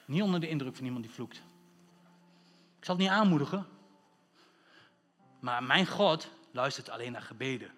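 A man's voice: mid-range voice, lively intonation, normal speed, pauses often, fairly bright tone, long reverb tail. A man preaching a sermon as pastor, emphatic, drawing out words for stress and asking rhetorical questions.

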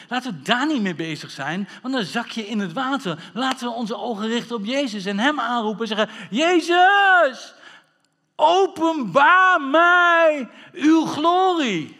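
A man preaching a sermon, animated, full of rhetorical questions and bursts of shouting. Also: sits high. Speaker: pastor. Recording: long hall reverb.

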